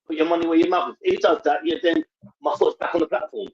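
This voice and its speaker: A man's voice: fairly high pitch, fast. A man calling in to a casual football chat, talking with a sore mouth that has stitches after dental work. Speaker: fan caller. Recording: dull lo-fi call audio.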